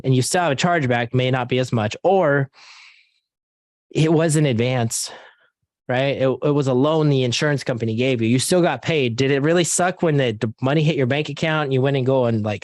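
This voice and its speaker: Over an online meeting, a man with a mid-range voice delivers a casual, motivational sales training talk, recorded in studio quality with no echo. His speech is packed with "like," and he addresses his listeners as "guys" and "dude."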